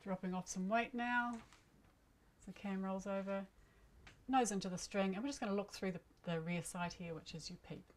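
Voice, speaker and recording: A woman coaching archery in plain, measured step-by-step instructions. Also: medium pitch, steady tone.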